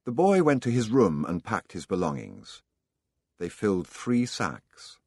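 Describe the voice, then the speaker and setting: A man narrating an audiobook in a calm storytelling manner. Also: on the low side, measured pace, husky, no echo, clean studio sound.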